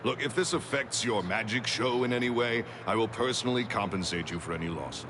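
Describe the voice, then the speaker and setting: A man's voice: medium pitch, a little fast, natural voice. An actor playing a curt, impatient man near forty in a video game. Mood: scornful, impatient. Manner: curt, scornful, commanding. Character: gruff impatient middle-aged man, hostile. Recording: game audio with clear background noise.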